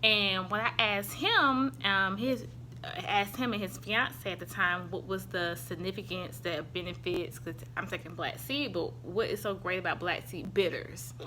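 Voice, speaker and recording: This young Southern US woman, a vlogger, reviews supplements casually indoors at home on a handheld phone, rambling and saying um a lot. Her mid-range voice is unhurried with a sharp tone, and a little hiss or hum runs underneath.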